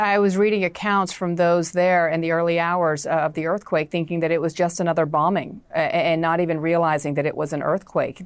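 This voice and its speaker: Female news anchor, lowish voice, measured interview delivery, dry booth. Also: no room sound. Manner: measured, formal questioning.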